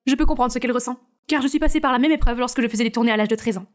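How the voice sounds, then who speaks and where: A woman narrating an animated story in a brisk, chatty way with asides to the listener. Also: on the high side.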